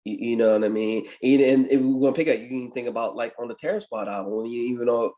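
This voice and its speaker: Man, quick pace, casual podcast co-host, stumbling restarts. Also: medium pitch, steady tone, mellow. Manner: fast, stumbling restarts, leans on "you know what I mean". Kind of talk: casual podcast chat about hip hop.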